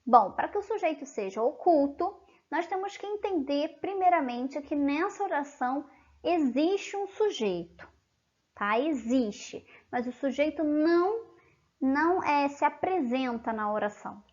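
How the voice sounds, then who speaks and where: A woman's voice: sits high, animated, a little slow, a little mellow, dull audio. A Brazilian woman giving an online language lesson in a chatty manner, often checking in with her students. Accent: Brazilian Portuguese. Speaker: language teacher.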